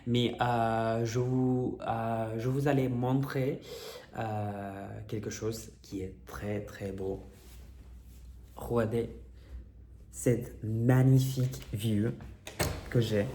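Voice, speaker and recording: A young man with a cracked, hoarse, strained voice, chatting casually in a candid, slangy, rambling storytime vlog. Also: mid-range voice, fairly even intonation, slow pace, long pauses, mellow, slight background noise. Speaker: vlogger. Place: indoors in an apartment. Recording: echoey room.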